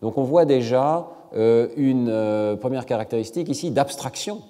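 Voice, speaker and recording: A middle-aged man giving an academic lecture in a measured way, hesitating often with fillers. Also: mid-range voice, dark tone, in a large hall. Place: large lecture hall.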